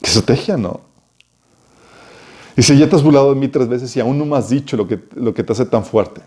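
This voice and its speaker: Male Bible teacher, warm mellow tone, chatty and animated, leans on rhetorical questions. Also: mid-range voice, normal speed, breathy edge. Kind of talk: conversational Bible study teaching.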